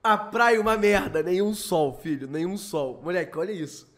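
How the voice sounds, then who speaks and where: Rio-young man, host, high voice, excited slangy storytelling with lots of swearing. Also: normal speed. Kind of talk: casual storytelling.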